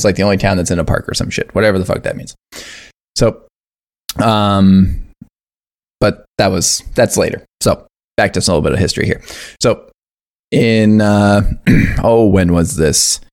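A man with a fairly low voice reads history notes out loud on a casual podcast, stopping and restarting often. The talk is loose, full of fillers. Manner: halting reading with fillers and restarts. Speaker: podcast co-host.

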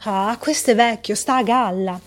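A woman's voice: fairly high pitch, lightly acted. A woman reading aloud voices a clever, curious young girl who thinks her way through riddles in a storybook tale. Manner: puzzled then quick-witted, thinking aloud.

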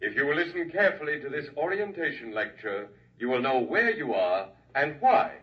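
In 1950s radio drama acting, a male voice, a little high and very animated, plays a solemn alien addressing a crowd in formal, measured oratory. The broadcast sounds muffled, with a distant mic.

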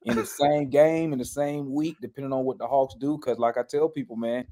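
A man's voice: medium pitch, fairly even intonation, fairly quick, warm tone. A man talking casually as a podcast guest, colloquial and emphatic, often repeating himself for effect. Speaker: podcast guest, fan show host. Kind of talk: casual chat.

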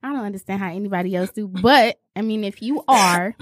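A woman's voice: medium pitch, a little fast, dry recording, studio quality. A woman co-hosting a casual podcast chat, teasing and outspoken. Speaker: podcast co-host.

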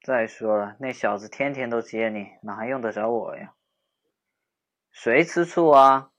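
A man's voice: on the low side, fairly even intonation, normal speed. Young adult male, teasing and snarky childhood friend for a role-play audio drama. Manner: teasing, snarky, then gently soothing.

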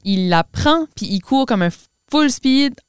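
A woman's voice: sits high, lively intonation, a little slow, smooth, no room sound, clean studio sound. A woman with a Québécois French accent, co-hosting a podcast and telling a story in casual chat, mixing English words into her French. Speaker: podcast co-host.

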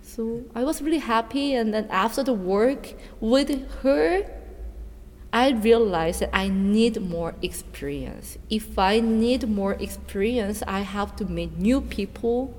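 A woman in her thirties from South Korea, a dancer speaking in English with a Korean accent, answering interview questions earnestly in halting non-native phrasing. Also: mid-range voice, darkish tone. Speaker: dancer and choreographer. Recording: reverberant room with faint noise.

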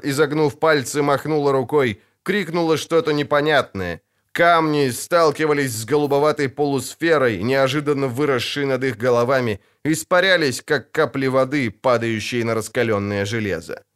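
A man narrating a dramatic fantasy audiobook in a steady, vivid storytelling voice. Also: mid-range voice, normal speed, clear, resonant tone.

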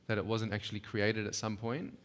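A man's voice: lowish voice, flat delivery, brisk. A man teaches a church workshop in a casual, emphatic way, often stopping to check in with his listeners. His voice carries a long reverb from a hall. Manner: conversational, emphatic, with rhetorical check-ins. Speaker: workshop speaker.

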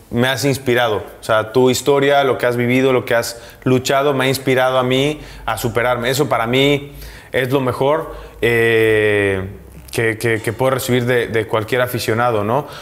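A man in his thirties with a Mexican accent, speaking candidly as an interview guest, with frequent pauses, fillers and restarts. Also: mid-range voice, fairly even intonation. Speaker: interview guest, professional footballer. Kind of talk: casual conversational interview.

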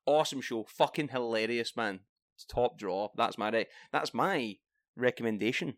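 A man's voice: mid-range voice, normal speed, dry recording, clean studio sound. A young man with a Scottish accent, co-hosting a casual podcast, telling stories animatedly with frequent laughs and casual swearing. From Scotland. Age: young adult. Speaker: podcast co-host. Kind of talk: casual chat.

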